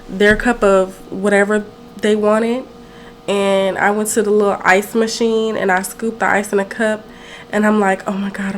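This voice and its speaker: 19 yo girl rambling thru a story on her podcast, unhurried, some faint hum behind. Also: medium pitch, fairly bright tone, low-quality recording. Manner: chatty, rambling, self-correcting. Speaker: podcast host. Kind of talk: casual storytelling.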